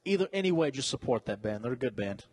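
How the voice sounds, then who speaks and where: A man's voice: medium pitch, sing-song, fast, darkish tone, breathy edge. A man co-hosting a podcast, bantering casually and crudely, swearing freely as he jokes. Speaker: podcast co-host.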